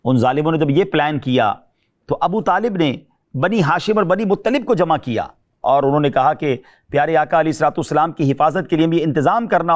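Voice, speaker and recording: A man preaching with a fairly high voice, telling a sacred story with passion. He turns often to his listeners to draw them in. When he recites verse, he slows down and lingers on each line with feeling. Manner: impassioned, addresses listeners directly. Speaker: Islamic preacher. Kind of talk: emotional religious storytelling sermon.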